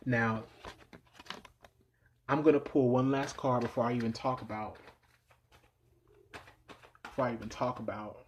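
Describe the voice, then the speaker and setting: A man giving a weekly tarot reading in a meditative way, repeating phrases and sometimes dropping to a low, quiet voice. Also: fairly even intonation, unhurried, pauses often, slight background noise. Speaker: tarot reader.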